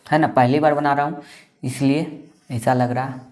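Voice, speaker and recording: A man's voice: medium pitch, fairly even intonation, normal speed, a little mellow. Male maths teacher, casual explainer, repeats himself, answers his own questions.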